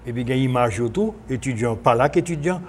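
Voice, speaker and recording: Male radio guest, Haitian accent, medium pitch, explanatory and halting, noisy archive broadcast sound. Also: lively intonation. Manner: explanatory, halting with repetitions and self-corrections. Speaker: guest, former senator. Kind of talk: unscripted radio interview discussion, switching between French and Creole.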